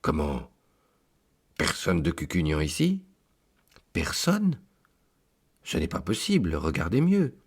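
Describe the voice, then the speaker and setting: A man's voice: low voice, huge pitch swings, slow, long pauses, breathy edge, full character voice. A man voicing an anxious village priest, pleading and exclaiming in dismay.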